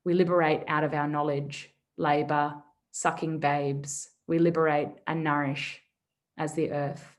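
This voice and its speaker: Low, even-voiced woman solemnly reading poetry. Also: a little slow. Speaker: poetry reader.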